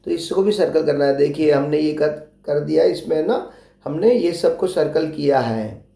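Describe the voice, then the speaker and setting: There's a roomy echo as a man teaches young children from a workbook, spelling letters patiently and repeating what he asks. He sounds animated, creaky and mellow, on the high side, at a normal speed.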